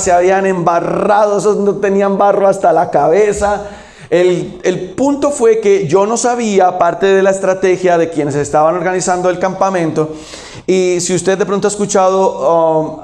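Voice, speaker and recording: A man preaching a sermon as pastor, telling stories and acting out Bible quotes with sudden high, loud bursts. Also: echoey room.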